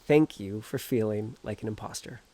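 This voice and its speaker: Talking outdoors while nursing a cold and a blocked nose, a man working as an energy healer and coach earnestly cheers his viewers on like a self-help coach. His voice is lowish and dark in tone, at a moderate pace.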